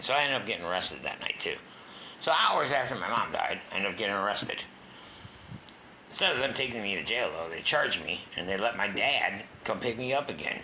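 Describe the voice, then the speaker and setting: A middle-aged man, telling his own story in a raw, candid way, swearing and acting out what others said. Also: lowish voice. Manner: raw, candid, swears, acts out quoted voices. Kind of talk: personal storytelling in a talk show. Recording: faint background noise.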